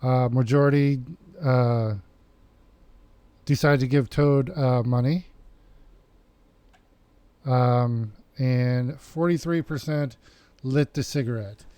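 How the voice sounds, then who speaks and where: A man's voice: medium pitch, fairly even intonation, slow, pauses often, warm tone, clean tone, no room sound. A man hosting a let's play, musing in a hesitant way with lots of ums and uhs. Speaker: gaming channel host. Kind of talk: casual let's play commentary.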